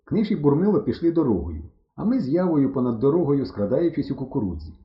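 A man reading an audiobook aloud, narrating in the first person with dramatic, expressive delivery. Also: medium pitch, fast talker. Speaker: audiobook reader. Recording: roomy, dull recording.

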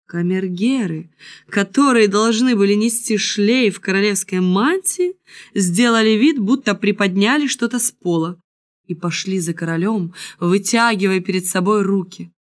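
A woman reads a fairy tale aloud in an expressive, measured storytelling manner. Her voice is mid-pitched and even in tone.

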